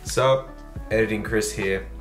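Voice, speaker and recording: A man's voice: fairly low pitch, unhurried. A man with a nasal voice, feeling under the weather, telling a chatty, self-deprecating story as a voice-over. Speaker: vlogger narrating his race. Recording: roomy sound with music underneath.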